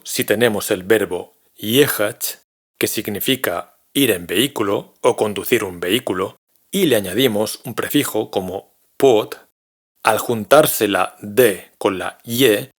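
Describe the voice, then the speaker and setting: A man gives a pronunciation lesson, taking his time over every word. His voice sits fairly low, and he patiently repeats each example sound before moving on. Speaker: language teacher.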